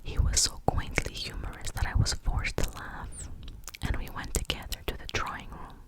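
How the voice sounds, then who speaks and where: An ASMR reader whispers a detective novel very close to the listener. The voice is fully unvoiced, soft and breathy, often slipping toward inaudible. The narration stays hushed and murmured throughout. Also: normal speed.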